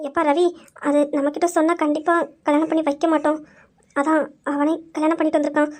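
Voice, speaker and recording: A woman's voice: high voice, little pitch movement, fast, darkish tone, pitched below the performer's own voice, lightly acted. A woman voicing a fretful elderly grandmother in an amateur family drama, coaxing and hesitant, trailing off mid-sentence. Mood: worried.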